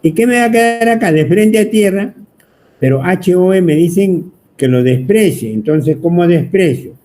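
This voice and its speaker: A high-pitched, mellow male voice at normal speed belongs to an electronics teacher with a Peruvian Spanish accent. At the whiteboard he talks on and on, teasing the students and asking the class things nonstop.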